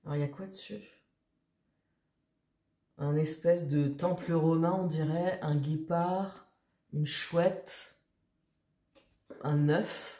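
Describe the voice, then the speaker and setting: Woman vlogger, low-ish voice, chatty and rambling; roomy echo. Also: steady tone, takes it slowly, pauses often, dark tone. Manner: chatty, rambling, many fillers and restarts. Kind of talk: casual chat to camera.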